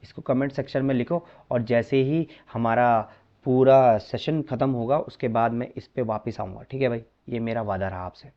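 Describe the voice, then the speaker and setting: A man's voice: mid-range voice, moderate pace, muffled recording. A man teaching a maths lesson in a chatty, coaxing way, often addressing students as brother.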